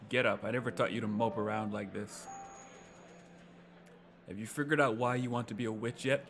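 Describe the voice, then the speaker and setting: A stern older witch mentor who gives short, commanding orders in a low, flat-toned read, as a man voices her. Game music runs beneath. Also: normal speed, lightly acted. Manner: curt and commanding.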